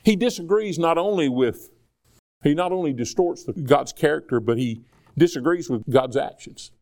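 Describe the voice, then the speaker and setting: A man delivers a sermon in a loose, conversational way, tossing rhetorical questions at his listeners. His voice sits a little high and carries a gravelly edge. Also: animated, moderate pace, darkish tone. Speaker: preacher.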